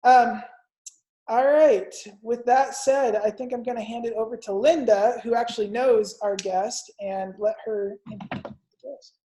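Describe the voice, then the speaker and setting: A man hosting a monthly video call, talking casually in a relaxed, rambling way with lots of fillers. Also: very high-pitched, measured pace, echoey room, poor audio. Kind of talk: casual welcoming introduction.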